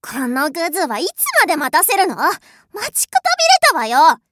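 A woman's voice: high-pitched, lively intonation, fairly quick, background noise. A woman voicing a haughty, spoiled rich young lady who is bossy, cruel and scornful, in an audio drama. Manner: imperious, scornful, mocking. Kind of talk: adult audio drama role-play.

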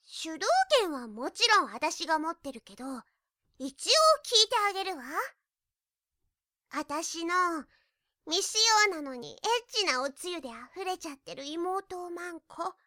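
A woman's voice: very high-pitched, lively intonation, takes it slowly, pauses often, pushed and bright, no room sound, studio quality, full character voice. A woman voicing a domineering younger sister in an audio drama, speaking in a mocking, commanding tone. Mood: teasing. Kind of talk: audio drama role-play.

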